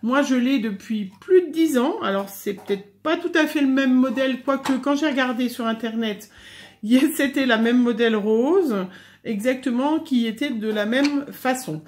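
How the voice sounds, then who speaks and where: A middle-aged woman explaining a craft tool in a casual tutorial chat, pausing often with fillers. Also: high-pitched, a little hiss or hum. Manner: hesitant, many fillers. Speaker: scrapbooking vlogger.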